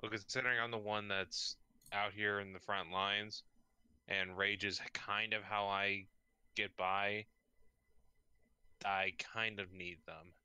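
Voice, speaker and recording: Male tabletop player, deep and monotone, crisp close dry sound, casual delivery. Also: slow pace, long pauses, no echo. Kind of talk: casual game chat.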